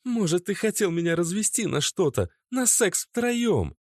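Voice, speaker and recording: A woman's voice: fairly low pitch, sing-song, a little slow, darkish tone, no room sound, studio quality, pitched above the performer's own voice. A man voicing an angry, disbelieving young woman who snaps accusations at her boyfriend. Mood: furious. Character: young woman, quick-tempered, sharp-tongued girlfriend.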